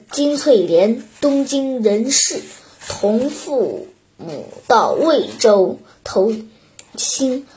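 A woman reading the lines of a young female street singer telling her troubles, halting and hesitant, in a storybook reading. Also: on the high side, slight background noise, exaggerated voice.

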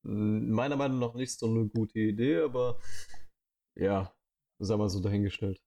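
Mellow-voiced young man on a headset. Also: lowish voice, moderate pace, gravelly. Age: 20s. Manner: rambling, casual, many fillers. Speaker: podcast co-host. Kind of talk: casual podcast chat. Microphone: headset microphone.

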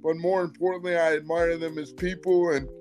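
A man's voice: on the high side, level tone, a little fast, darkish tone, soft background music. A man who is a guest on a live talk show, effusive and stumbling over repeated restarts as he praises brands. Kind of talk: casual interview chat.

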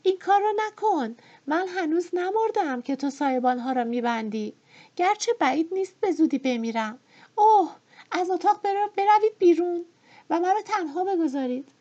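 A woman voicing a spoiled, stormy young widow who shouts in shrill, overwrought outbursts, in a dull lo-fi recording. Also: animated. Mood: furious.

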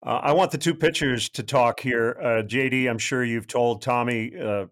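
A man hosts a casual talk show and passes the conversation between his guests. He speaks at a middle pitch in an easy, relaxed way. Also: moderate pace. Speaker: host. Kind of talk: casual interview chat.

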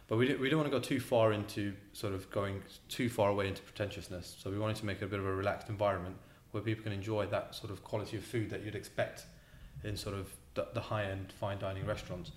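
A restaurant co-owner appears as a guest, answering interview questions casually and hesitantly, repeating words and saying um. His voice is on the low side, with a little hiss or hum and a roomy echo.

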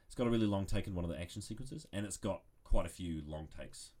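A man's voice: sits low, fast, warm tone. A young man, co-hosting a casual podcast, joking and sarcastic. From New Zealand. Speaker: podcast co-host.

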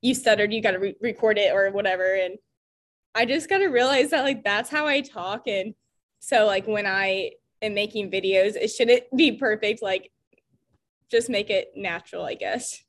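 A woman's voice: medium pitch, a little slow. A young woman with a Midwestern American accent, co-hosting a casual chat, talking in a chatty, self-deprecating way full of "like" fillers. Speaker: podcast co-host.

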